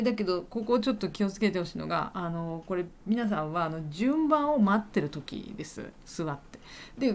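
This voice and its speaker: A woman who hosts a podcast for learners, telling an everyday story and stopping to slowly explain and repeat words for her listeners. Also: mid-range voice. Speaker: Japanese teacher podcaster.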